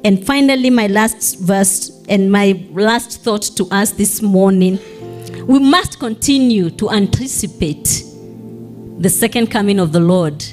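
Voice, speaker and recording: A woman's voice: mid-range voice, measured pace, a little mellow. Woman preaching to young people, faint music. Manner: earnest preaching with asides and restarts. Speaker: guest speaker. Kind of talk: sermon to a youth fellowship.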